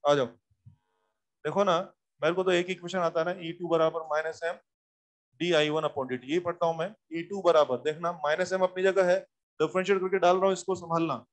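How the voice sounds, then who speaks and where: A man teaching physics in a lively classroom lecture, coaxing students with repeated questions and reminders. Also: fairly high pitch, moderate pace.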